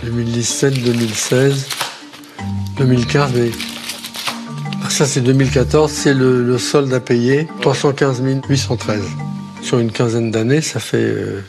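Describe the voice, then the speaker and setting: Calm man interviewee in a TV report clip, plain mid voice, clear music underneath. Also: medium pitch, unhurried. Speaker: interviewed taxpayer.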